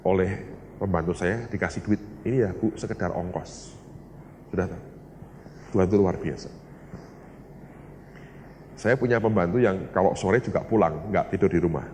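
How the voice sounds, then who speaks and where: A man's voice: low-pitched, normal speed, long pauses, darkish tone. A male pastor preaching a sermon, telling stories and briefly acting out other people's voices. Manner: storytelling, acting out voices in bursts. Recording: reverberant hall, faint noise.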